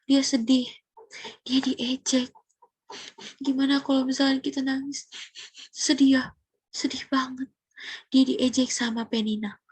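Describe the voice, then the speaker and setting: A young woman Sunday school teacher telling a Bible story to children, animated, asking them questions and sometimes dropping to a whisper. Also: high voice, husky, no echo.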